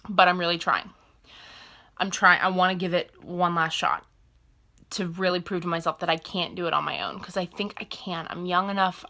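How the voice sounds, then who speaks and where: A woman in her twenties speaks to her camera in a casual personal vlog. She rambles openly and corrects herself mid-thought. Her voice sits a little low but has a bright, forward edge. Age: 20s. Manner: rambling and candid, self-correcting mid-sentence. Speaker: vlogger.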